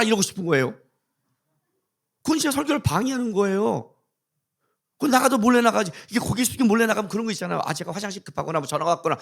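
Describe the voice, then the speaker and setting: A male pastor preaching a sermon, telling stories with blunt humor and mock curses, swinging between quiet asides and loud outbursts. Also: sits high.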